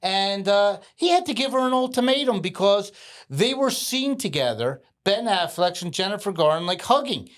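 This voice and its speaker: A man's voice: high-pitched, expressive, normal speed, fairly bright tone. Guy cohosting a podcast, voice bounces up and down a lot, chatty. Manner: chatty, laughs while talking. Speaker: podcast co-host. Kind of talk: casual chat.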